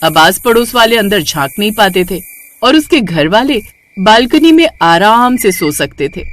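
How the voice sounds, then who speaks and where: A woman narrating a moral cartoon story in a steady storytelling manner. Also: mid-range voice, normal speed, slight background noise.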